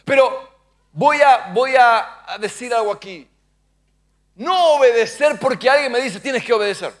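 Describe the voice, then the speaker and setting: A man preaches to his congregation in a strikingly high-pitched voice. He asks the crowd to repeat after him and stand up. He acts out short dialogues as he tells his stories. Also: lively intonation, unhurried. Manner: preaching with call-and-response to the congregation. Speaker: pastor. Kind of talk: sermon. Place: church sanctuary.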